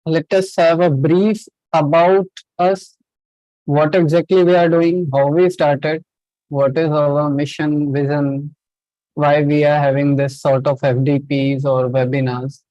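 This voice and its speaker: Male webinar trainer, higher-set voice, dry, slightly dull call audio, checks in often. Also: flat delivery, measured pace, dark tone, no room sound. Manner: repeats short confirmations and checks in with listeners. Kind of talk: interactive webinar presenting. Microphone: online video call.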